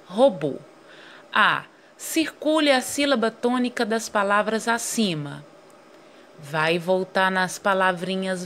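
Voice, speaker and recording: A woman teacher from Brazil reading out worksheet exercises to young pupils and explaining each step slowly and carefully. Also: a little high, fairly bright tone. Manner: slow, careful, stretching key words for young pupils.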